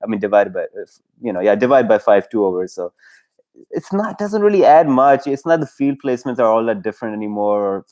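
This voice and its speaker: A man's voice: on the low side, sing-song, brisk, darkish tone. A man from Pakistan, hosting a casual solo livestream chat, rambling and hesitant, with many fillers and frequent laughs. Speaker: YouTube livestream host.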